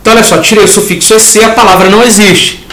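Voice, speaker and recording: A man's voice: high-pitched, steady tone, quick pace, fairly bright tone, echoey room. A man with a Brazilian Portuguese accent teaching a lesson that reviews exam answers, talking the class through each step and acting out students' questions.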